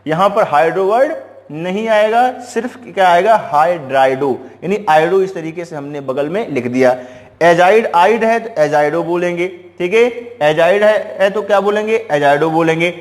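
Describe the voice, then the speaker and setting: A man's voice: sits high, normal speed, long reverb tail. A man teaching a chemistry lesson step by step, often asking rhetorical questions and calling his students "beta". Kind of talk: classroom lecture.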